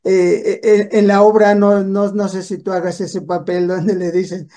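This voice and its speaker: A man's voice: high-pitched, level tone, moderate pace, dark tone. A man hosting a radio show, chatting casually and rambling with many restarts. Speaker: radio host.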